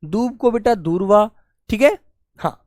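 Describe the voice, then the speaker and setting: A woman teaching a live online Hindi class, calling her students "beta" and reading word pairs slowly, often clearing her throat. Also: medium pitch, lively intonation, darkish tone, dry recording, studio quality.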